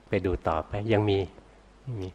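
An older man, a Buddhist monk, teaching meditation calmly and answering students' questions. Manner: calm, unhurried, ends phrases with a soft particle; hard of hearing.

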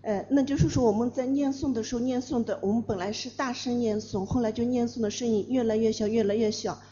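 A woman student asks her teacher a question very slowly and hesitantly, filling pauses and restarting as she goes. Her voice is mellow and somewhat high, and the recording is dull with faint noise behind. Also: fairly even intonation. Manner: hesitant, many fillers and restarts. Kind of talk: audience question.

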